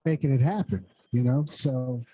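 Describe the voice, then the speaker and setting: A man calling basketball play-by-play for a network broadcast, rattling off plays and scores in a steady, quick rhythm. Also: medium pitch, husky, no room sound, muffled recording. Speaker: play-by-play announcer.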